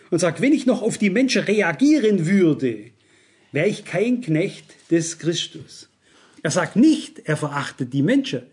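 A middle-aged man with a high-pitched, darkish voice preaches a sermon with strong emphasis. He keeps pressing his listeners with rhetorical questions.

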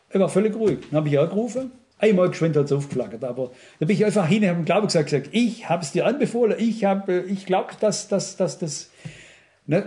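Older Swabian preacher, rather high voice. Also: male voice, warm tone. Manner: conversational, emphatic, repeats himself, addresses listeners directly. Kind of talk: informal sermon.

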